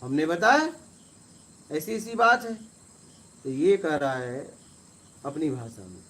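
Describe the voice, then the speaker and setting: A man, a spiritual teacher, telling stories to listeners and acting out quarrels in a rising, forceful voice. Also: a little high, very animated, takes it slowly. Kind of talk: storytelling talk to listeners.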